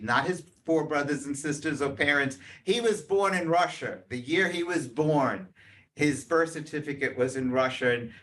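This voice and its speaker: Older male guest speaker, mid-pitched, chatty storyteller with asides. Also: a bit bright. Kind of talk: personal history talk.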